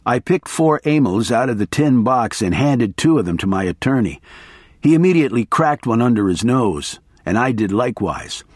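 A man reading first-person narration for an audiobook in a lively storytelling manner. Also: medium pitch, normal speed, dry recording, studio quality.

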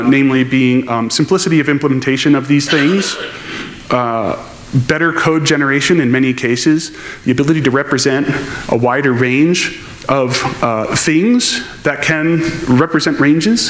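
On a large lecture hall stage, a man with a medium-pitched, slightly bright voice delivers a technical conference keynote. He answers audience questions thoughtfully, explaining as he goes. The recording carries the hall's echo and a faint layer of noise.

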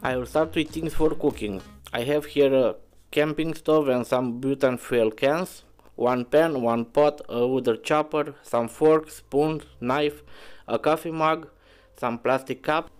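A man, a truck driver, narrating a voice-over in a plain, steady way as he lists what he packs for the road. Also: mid-range voice, smooth, rough recording. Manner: plain, steady listing of items.

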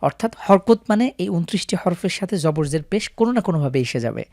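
A man's voice: high voice, animated, darkish tone, dry recording, clean studio sound. Patient male Quran reading teacher. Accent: Bangladeshi Bengali. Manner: patient, drills syllables slowly and repeats them. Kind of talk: recorded lesson.

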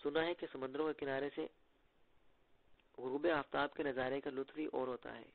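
A man's voice: mid-range voice, steady tone, normal speed, vocal fry, lightly acted. A man voicing a playful, joking young male secret agent who teases his companions, heard through tinny phone-like audio. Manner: playful, bantering.

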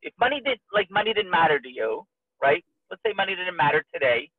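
A man co-hosting a webinar, giving an upbeat, persuasive motivational pitch and asking his listeners questions. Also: sing-song, fairly quick, husky, no echo. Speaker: webinar co-host. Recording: dry, tinny call audio.

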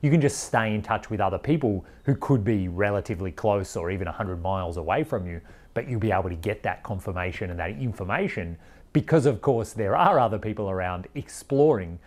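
A frank Australian man in his forties, vlogging casually as an overland traveller, talks fairly quickly in a lowish, darkish voice with lively intonation. He explains things plainly, indoors in a workshop garage and seated in a vehicle.

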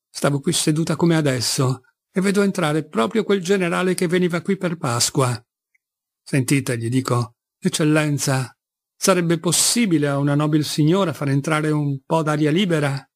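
A man's voice: fairly high pitch, lightly acted. A man reading an audiobook, voicing a feeble-minded middle-aged mother who rambles and pleads in self-pity.

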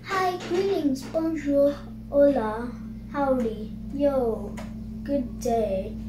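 Young girl voicing high, cheerful Narwhal. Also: drawn-out words. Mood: cheerful, playful. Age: child. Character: cheerful, playful narwhal from a children's book. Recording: noisy, roomy home recording.

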